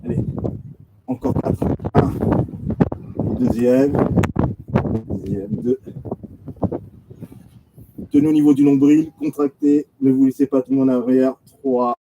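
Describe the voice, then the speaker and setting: Gravelly-voiced man leading a pilates class. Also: medium pitch. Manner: gives steady commands, counts reps and repeats cues slowly. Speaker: pilates instructor. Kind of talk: guided exercise class instruction. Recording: loud background noise.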